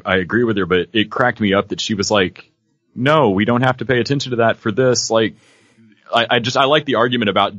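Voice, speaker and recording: A man's voice: fairly low pitch, a bit bright, no room sound. A man co-hosting a casual podcast, chatty and repeating words as he thinks. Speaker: podcast co-host. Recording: dull, dry mic.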